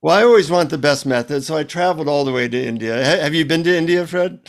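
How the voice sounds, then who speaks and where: A man's voice: fairly high pitch, fast, creaky. A man, a psychotherapist and author, telling humorous stories in a casual interview. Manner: lively anecdotal storyteller, humorous asides.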